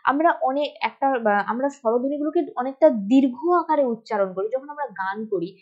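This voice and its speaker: A woman's voice: sits high, expressive, fast talker. A woman teacher with a Bengali accent, walking through exam answers step by step and often asking students whether they have understood. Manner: explains step by step, often checking with "ঠিক আছে?" and "বোঝা গেল?". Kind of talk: exam answer walkthrough lesson. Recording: dull lo-fi recording.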